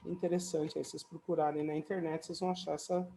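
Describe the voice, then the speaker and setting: A man's voice: a little high, little pitch movement, fast talker, vocal fry, warm tone, a little hiss or hum. A man teaching English comparatives in a casual, chatty video lesson, often adding little tag questions and light jokes.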